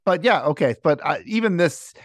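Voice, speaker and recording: A man's voice: a little high, animated, normal speed, no echo, clean studio sound. A man playing a tabletop game, improvising casually with stammered, repeated words and jokes.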